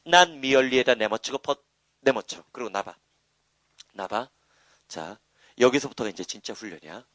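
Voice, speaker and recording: A man's voice: medium pitch, normal speed, no echo. A man giving a live English grammar lecture, nudging students with constant rhetorical questions and boastful asides. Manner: animated, prods students with rhetorical questions and tags.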